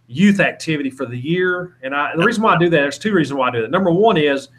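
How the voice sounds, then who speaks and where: An evangelist from Alabama in the southern United States talks informally and earnestly in an interview, often exhorting and repeating himself as he slips into preaching. His voice is on the high side, fast, lively in intonation, and a bit bright.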